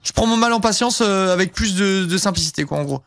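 A man's voice: sits high, fast talker, vocal fry, fairly bright tone. A young man streaming a game, chatting casually and rambling with lots of fillers and casual swearing. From southern France. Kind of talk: casual live-stream chat while gaming.

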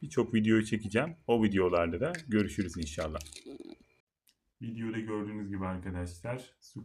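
A man hosting a casual vlog, calmly explaining to viewers and cooing to his pet in a high, excited baby-talk voice. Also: slightly rough. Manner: calm, low explaining voice to viewers. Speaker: channel host.

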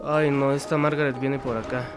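With music in the background, a young man with a Mexican accent covers a horror game at a moderate pace, his medium-pitched voice keeping a level tone. He's a profane commentator who talks to himself and suddenly yells in fright.

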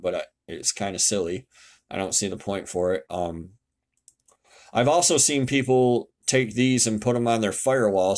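Man, low voice, casual how-to voice-over, blunt, self-correcting. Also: a little mellow. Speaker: car tech YouTuber explaining fuel systems. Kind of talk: casual screen-share tutorial voice-over. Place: home, indoors.

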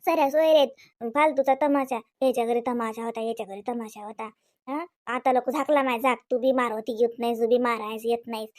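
A woman's voice: on the high side, steady tone, fairly quick, darkish tone, no echo, clean studio sound, close to an everyday voice. A woman voicing a nagging middle-aged mother-in-law in a cartoon, with a Varhadi Marathi accent and a habit of tagging on questions. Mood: coaxing. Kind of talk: cartoon voice acting.

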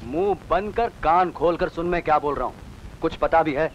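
A man's voice: fairly high pitch, normal speed, lo-fi sound, a little hiss or hum, natural voice. An actor playing a cheeky, defiant unemployed young man in a dubbed film, swinging from angry speeches to teasing banter. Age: young adult. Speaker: lead in a dubbed action film. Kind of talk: Hindi film dub acting.

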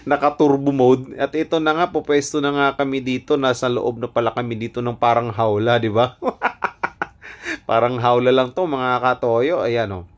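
A man narrating a casual vlog from an outdoor night carnival, filmed on a phone. He keeps up a playful, self-mocking patter and breaks into laughter often, in a voice of ordinary pitch. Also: lively intonation, normal speed. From Philippines. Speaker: vlogger.

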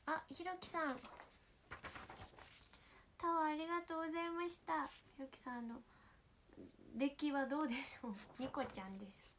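Teenage woman, Kansai accent, higher voice, hushed casual livestream chat through a sore throat, on a phone mic with faint noise. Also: steady tone, moderate pace, pauses often. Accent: Kansai Japanese. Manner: soft-spoken, often drops to a whisper. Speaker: idol livestream host.

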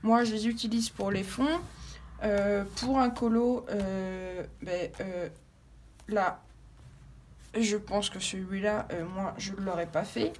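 A woman's voice: mid-range voice, fairly even intonation, takes it slowly, darkish tone, a little hiss or hum. A woman explaining a craft technique at home as she works, hesitating often with fillers and restarts. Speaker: craft tutorial vlogger. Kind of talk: casual demonstration while working. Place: at home, daughter nearby.

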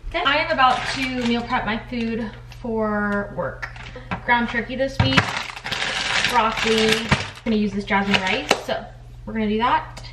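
At a normal speed and with a voice on the high side, this young adult vlogger chats casually while recording her day at home. She talks in short, informal, thinking-aloud phrases as she goes through her apartment kitchen and rooms, captured by a camera mic a few feet away with roomy, distant, noisy results.

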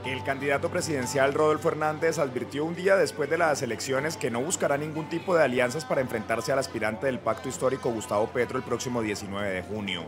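A man reads a formal news report as a voice-over at a quick pace. Music plays clearly beneath his voice. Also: mid-range voice. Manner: measured, formal.

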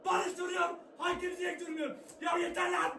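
High, shouting football fan. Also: male voice, monotone, moderate pace, vocal fry, roomy sound, far from the mic. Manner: cursing, yelling at players, exasperated rants. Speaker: football fan reacting to a match. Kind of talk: shouted live match reaction. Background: TV match broadcast with crowd noise.

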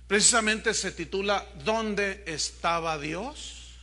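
Emphatic Mexican pastor preaching. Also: male voice, sits high, slow. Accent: Mexican Spanish. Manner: emphatic, swings from loud questions to hushed asides. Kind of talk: sermon.

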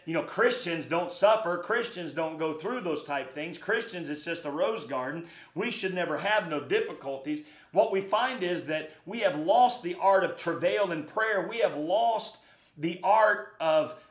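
Male preacher, high-pitched, scripture reading and exhortation, roomy church sound. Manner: reads scripture then preaches with rising fervor. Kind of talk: sermon. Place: church sanctuary.

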